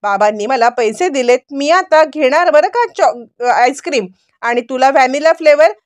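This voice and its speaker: Playful little girl who wants treats, read by a woman narrator; high pitch. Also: lively intonation, normal speed, no echo, clean studio sound. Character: young girl, playful and demanding.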